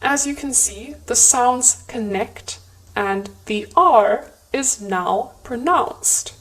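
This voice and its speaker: Woman, British accent, scripted lesson narration, slow pace, clear careful diction. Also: on the high side, expressive, fairly bright tone, rough recording. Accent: British English. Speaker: English pronunciation teacher.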